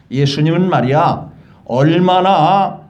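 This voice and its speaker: Male pastor, high voice, lively sermon storytelling that keeps asking the congregation questions. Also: slow pace, highs cut off. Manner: animated, asks the congregation rhetorical questions. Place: church.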